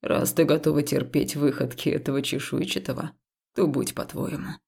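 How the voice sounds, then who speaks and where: A woman voicing a young male necromancer who speaks in a cool, unhurried, indifferent way in an audiobook. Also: low voice, little pitch movement, creaky, darkish tone, slightly rough, pitched below the performer's own voice, heavily acted. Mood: aloof, calm. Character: calm aloof male necromancer, young man. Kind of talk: audiobook character voice.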